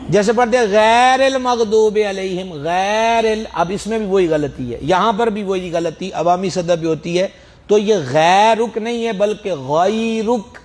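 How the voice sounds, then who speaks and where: High-voiced Pakistani preacher with lilt. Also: male voice. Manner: explanatory, drawn-out demonstrations of Arabic sounds, rising emphatic questions. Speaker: Islamic preacher teaching prayer pronunciation. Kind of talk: religious lecture.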